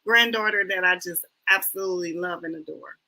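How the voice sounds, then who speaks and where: A woman's voice: fairly low pitch, brisk, creaky, sharp tone, low-quality recording. A woman in her mid-fifties, a therapist and guest, speaks frankly and with light humor in a casual chat. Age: 50s.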